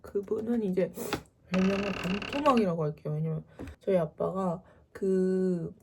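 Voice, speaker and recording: A woman's voice: lowish voice, measured pace, slight background noise. A young woman casually telling a personal story, acting out the quoted lines with animation.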